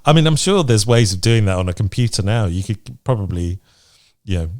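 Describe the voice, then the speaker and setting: This is a British man co-hosting a podcast, his lowish, darkish voice animated and brisk. He keeps things casual and playfully frank while reading out a list.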